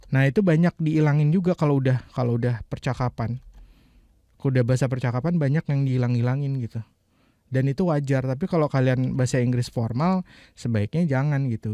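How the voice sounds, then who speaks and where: A man teaching English with a warm, mellow voice in a casual, explanatory lesson. He sounds relaxed and talkative, and he often repeats phrases slowly to spell them out. The recording is dry and close, with no room sound. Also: medium pitch, no echo.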